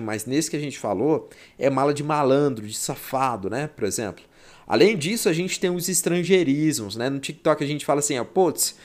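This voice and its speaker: A young man from Goiás with a Goiás Brazilian Portuguese accent, teaching an exam-prep language lesson in a chatty, slangy, playful way. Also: medium pitch.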